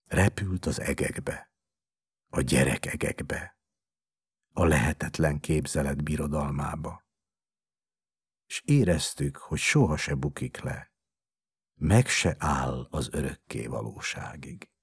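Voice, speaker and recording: A man narrating a story in an expressive, measured dramatic reading. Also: a bass voice, husky, no room sound, clean studio sound.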